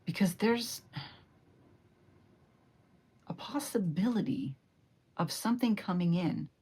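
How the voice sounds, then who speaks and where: A woman giving a solo tarot reading, reflective and lingering over each card, sometimes slipping into a breathy whisper. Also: mid-range voice, takes it slowly, darkish tone. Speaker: tarot reader.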